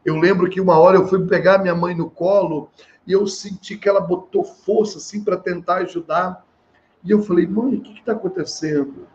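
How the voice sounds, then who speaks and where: A man's voice: sits high, little pitch movement, a little fast, darkish tone. A middle-aged man, a family therapist telling stories in an earnest seminar talk and acting out the dialogue. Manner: earnest, acts out quoted dialogue. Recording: slightly dull with faint hiss.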